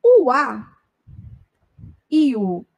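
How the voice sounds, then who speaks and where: A woman teaching a grammar lesson for exam preparation, explaining step by step and often checking in with a quick "tá?". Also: high voice, wildly swooping pitch, gravelly, slightly rough, rough recording. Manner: explanatory, frequent "tá?" tag questions.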